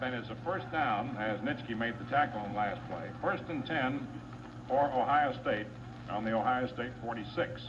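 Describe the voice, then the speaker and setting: A man's voice: mid-range voice, muffled recording, noisy background. Man calling football on old wire recording. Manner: brisk, reels off names, yard lines and down-and-distance. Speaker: play-by-play announcer. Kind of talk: live radio football play-by-play.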